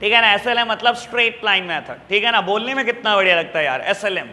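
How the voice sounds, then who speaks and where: A man's voice: sits high, quick pace, bright, forceful tone, big-room sound. A male accounts teacher giving a classroom lecture, affectionately addressing his students and often checking whether they have understood. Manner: affectionate, repeatedly calls students "beta"; asks "clear?" to check understanding.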